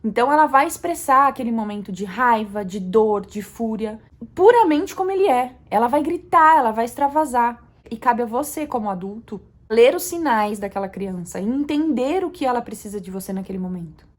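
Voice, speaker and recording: A young Brazilian mother with a Brazilian Portuguese accent, talking to camera in a calm, soft-spoken, reflective way that rises at times to earnest emphasis. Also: fairly high pitch, brisk. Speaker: mother vlogger.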